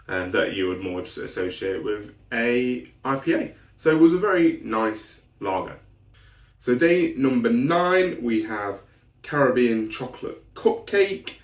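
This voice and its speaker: Recorded on a distant mic with reverberant sound, this lowish male voice belongs to a beer reviewer still recovering from an illness. His casual solo review rambles along with lots of ums and restarts.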